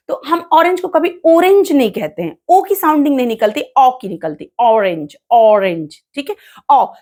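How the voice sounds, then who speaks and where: A woman teaching grammar in a classroom style. She drills each word slowly and answers her own questions. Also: high-pitched. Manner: repeats words slowly to drill pronunciation; asks questions and answers them herself. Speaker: English teacher.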